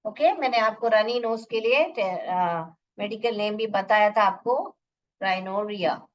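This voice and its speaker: Slow woman drilling pronunciation. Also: mid-range voice, distant mic, highs cut off. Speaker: English teacher. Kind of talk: bilingual classroom lesson. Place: room with a board.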